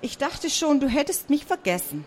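A woman voicing an excited young male mouse in a storybook read aloud, eager and breathless. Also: high-pitched, moderate pace, slight background noise, pitched above the performer's own voice.

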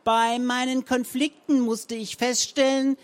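A man voicing a spiteful, nagging middle-aged woman who scolds her neighbor loudly and shrilly. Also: extremely high pitch, flat delivery, a little slow, pitched above the performer's own voice. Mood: venomous scolding.

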